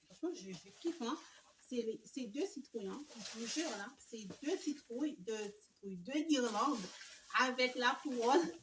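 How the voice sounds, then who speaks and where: A woman, gushing excitedly through a casual home decor haul with many fillers. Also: on the high side, moderate pace, noisy background. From Canada. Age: 20s. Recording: echoey room, mic at a distance.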